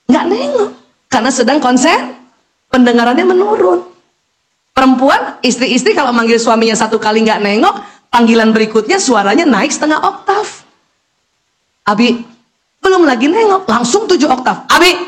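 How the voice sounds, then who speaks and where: High-pitched middle-aged woman giving a funny, animated religious talk to moms. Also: fairly quick. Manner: lively, humorous, acts out calls and voices. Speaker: doctor giving an Islamic parenting lecture. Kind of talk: religious lecture to a women's audience.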